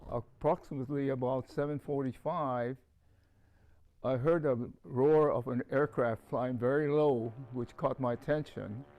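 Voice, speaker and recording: An older man from Hawaii giving an oral history, calm and measured with some hesitations. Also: mid-range voice, lo-fi sound. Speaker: witness recalling childhood.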